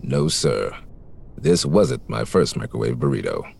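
Man acting a deep, gravelly hard-boiled private eye. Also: unhurried, full character voice. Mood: wry, brooding. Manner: deadpan, hard-boiled wisecracking. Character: wisecracking, world-weary male private detective, hard-boiled noir. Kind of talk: parody noir narration and radio drama acting.

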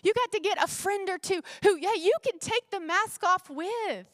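A woman pastor preaching a sermon to her church, calling out to the congregation and dropping her voice low when she acts out the enemy's whispered lies. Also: moderate pace, a bit bright, no room sound, studio quality.

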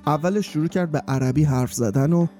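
A man in his forties from Iran, telling a personal story in a wry, self-mocking, unhurried way. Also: a little high, dark tone. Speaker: storyteller and documentary reporter. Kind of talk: scripted personal storytelling over music. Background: faint background music.

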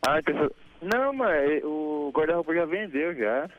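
A man's voice: on the high side, lively intonation, normal speed. A man answering a prank call, heard over a phone line, puzzled and guarded in his replies.

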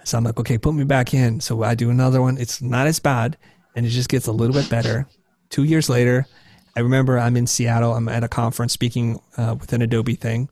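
A man's voice: medium pitch, level tone, fairly quick, a little mellow, dry recording. Dry-sounding man telling stories. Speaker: guest. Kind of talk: interview conversation.

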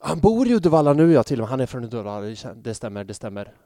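A man's voice: mid-range voice, very animated, mellow, dry recording, studio quality. A man hosting a podcast in casual chat, rambling and poking fun at himself. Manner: chatty, rambling, self-mocking. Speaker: podcast host.

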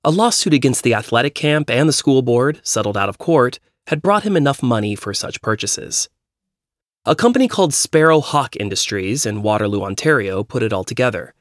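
Measured male essay narrator, dry sound. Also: medium pitch, animated, no echo. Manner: measured, reflective reading.

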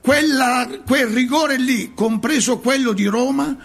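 Insistent high-voiced man debating football. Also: unhurried, gravelly, fairly bright tone, slightly rough. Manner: insistent, repeats phrases emphatically. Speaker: football pundit. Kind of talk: heated TV sports debate.

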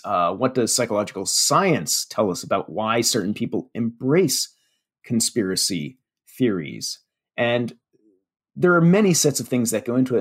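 In an easygoing podcast conversation, a man with a Pennsylvania Dutch accent and a touch of huskiness discusses research. He works in media relations, and his pitch varies widely as he talks. He pads pauses with "uh" and teases himself.

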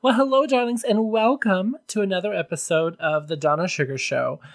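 A podcast host voicing a campy drag queen hostess, a theatrical, attention-loving diva with gushing, drawn-out delivery. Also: mid-range voice, close to an everyday voice. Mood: grand, welcoming.

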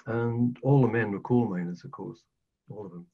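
A man's voice: on the low side, moderate pace, gravelly, slightly rough. An older man from South Wales with a Welsh accent, a podcast guest telling his life story earnestly, repeating phrases for emphasis. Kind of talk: casual storytelling interview. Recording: dull lo-fi audio.

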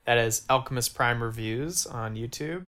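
A man's voice: medium pitch, normal speed, pushed and bright. A man co-hosting a podcast in casual chat, blunt and swearing freely. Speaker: podcast co-host.

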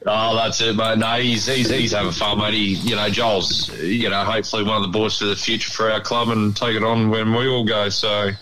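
A man's voice: lowish voice, little pitch movement, brisk, few pauses, crowd noise, rough recording. An Australian man chatting casually as a radio guest in a rambling, blokey way. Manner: blokey, rambling, peppered with "mate". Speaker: radio interview guest, pigeon club member. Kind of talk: casual chat.

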